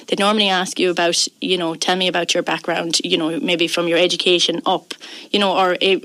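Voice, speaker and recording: A woman with a west of Ireland accent speaks as a radio interview guest in a fairly low voice. The sound is close and dry, and her manner is chatty and emphatic. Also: fairly bright tone, dry recording, low-quality recording.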